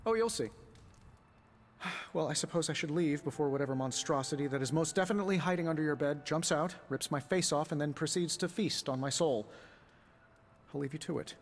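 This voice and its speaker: An actor playing a wisecracking, nervously friendly superhero inventor in a game, with a glib, rambling, self-deprecating manner. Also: male voice, on the high side, fairly quick, close to an everyday voice. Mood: wry, friendly. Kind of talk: casual game dialogue.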